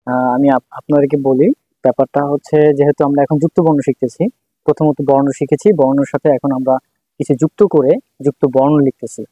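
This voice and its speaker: A man's voice: medium pitch, little pitch movement, quick pace, mellow, no room sound, rough recording. A man teaching a writing lesson, patiently repeating syllables one by one as he writes. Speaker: language teacher.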